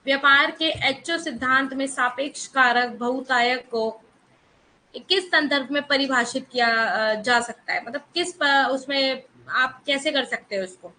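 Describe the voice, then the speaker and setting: A woman's voice: high voice, measured pace, sharp tone, poor audio. A woman teaching an online economics class, mixing in English terms and firmly scolding students in the chat. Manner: mixes Hindi with English terms.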